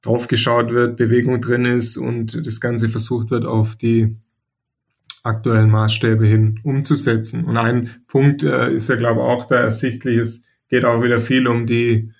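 A man discussing football club youth policy in a measured, reflective way, pausing often to find his words. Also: mid-range voice, level tone, gravelly. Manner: measured, reflective, frequent hesitations. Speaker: podcast co-host, football pundit. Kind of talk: casual discussion.

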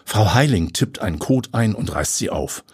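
A man reading a story aloud with vivid, expressive storytelling. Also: lowish voice, moderate pace, slightly rough, dry recording, studio quality. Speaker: narrator.

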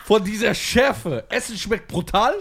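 A man co-hosting a comedy podcast, telling animated, teasing stories in casual banter. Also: sits high, measured pace, heavy background noise. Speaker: podcast host.

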